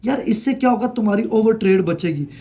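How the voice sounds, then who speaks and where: A man's voice: sits high, fairly quick, dark tone. A man teaching trading in a casual screen-share lesson, chatty and affectionate, often pleading with viewers to like and comment. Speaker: trading tutor.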